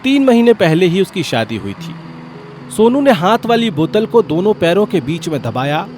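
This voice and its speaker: Lively male storyteller over music. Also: high-pitched, moderate pace. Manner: lively, wry comic narration. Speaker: narrator. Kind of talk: scripted storytelling narration.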